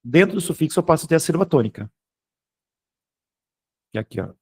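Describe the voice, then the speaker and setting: A man's voice: a little high, lively intonation, quick pace, a little mellow, slightly rough. A man with a Brazilian Portuguese accent teaching a grammar class online, explaining step by step and checking in with students often. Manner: explanatory, keeps checking in with "tá?" and "beleza?"; informal, occasionally swears.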